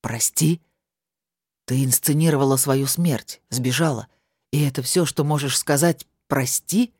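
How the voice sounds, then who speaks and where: A woman doing a hoarse, hurt young warrior. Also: a bass voice, a little slow, no room sound, clean studio sound, exaggerated voice. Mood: angry. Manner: hoarse, hushed reproach.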